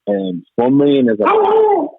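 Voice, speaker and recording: A man with an extremely high voice that swoops wildly in pitch talks casually about music as a podcast guest, speaking a little slowly and repeating phrases for emphasis. There's no room sound, and his connection is tinny and phone-like, like radio.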